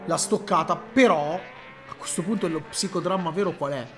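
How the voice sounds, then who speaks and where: A man giving live motorcycle race commentary in an excitable, slightly strained voice, often repeating his phrases. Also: a little high, moderate pace, over music. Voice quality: strained, tired voice. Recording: loud engine and vehicle noise. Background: trackside motorcycle noise.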